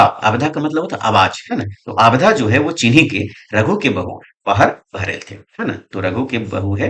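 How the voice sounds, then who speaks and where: Lively male teacher. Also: medium pitch. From Jharkhand, India. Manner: reads dialect lines aloud then explains them, with constant tag questions. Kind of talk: exam-prep lesson explaining a story.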